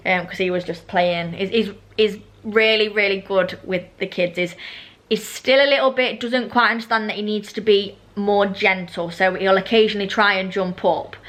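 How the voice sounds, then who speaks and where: A woman's voice: medium pitch, a bit bright. Chatty young British woman with braces. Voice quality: slightly slushy speech from braces with elastic bands. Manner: rambling, self-interrupting, informal. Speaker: vlogger. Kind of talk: casual chatty vlog.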